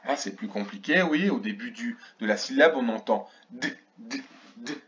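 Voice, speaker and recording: A man's voice: medium pitch, animated, normal speed, fairly bright tone. A man teaching young children in a remote lesson, counting aloud and sounding out syllables carefully. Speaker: kindergarten teacher. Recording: dull lo-fi recording.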